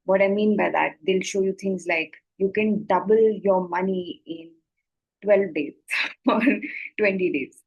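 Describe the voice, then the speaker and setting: A woman's voice: medium pitch, unhurried, slightly rough, highs cut off. Conversational Indian-accented woman explaining things. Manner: acts out example dialogue, checks in with "right?". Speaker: scam awareness educator.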